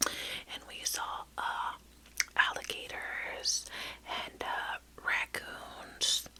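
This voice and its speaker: Middle aged lady doing whispered asmr ramble, chewing gum, crisp sharp whisper, kinda hesitant and wandering. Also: extremely slow. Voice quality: soft unvoiced whisper. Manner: chewing gum while talking; rambling, hesitant, trailing storytelling. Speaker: ASMR vlogger.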